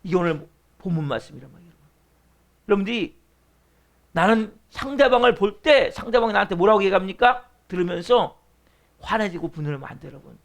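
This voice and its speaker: A man's voice: high-pitched, animated, fairly quick, vocal fry, pauses often. A man preaching as the pastor of a church, pressing the congregation with repeated rhetorical questions in an earnest sermon. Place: church sanctuary.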